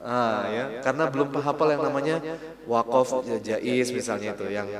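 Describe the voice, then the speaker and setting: A male Quran recitation teacher giving a relaxed lesson, repeating syllables slowly to demonstrate sounds, recorded in a mosque hall. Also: medium pitch, a loud crowd.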